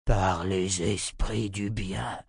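A man playing a grudging, leering innkeeper who drags out his words. The voice sits low and unhurried, read dry and close for a storybook. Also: no room sound. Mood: fearful pleading. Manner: slow and grudging.

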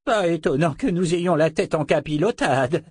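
A man's voice: on the high side, lively intonation, normal speed, a little mellow, husky, no echo, clean studio sound, voice pushed up. A man doing a testy, sarcastic old man. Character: prickly amnesiac old man, sharp-tongued. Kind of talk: audiobook character voice.

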